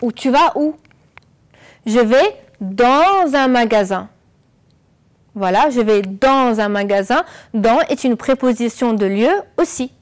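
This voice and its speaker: A woman teaching French on an educational channel, explaining slowly and clearly and asking the viewers questions. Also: on the high side, animated. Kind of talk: televised classroom lesson.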